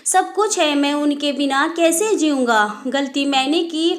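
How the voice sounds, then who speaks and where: A woman's voice: high voice, measured pace. A woman voicing a guilty, distressed teenage schoolboy who pleads tearfully in a storybook tale. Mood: pleading.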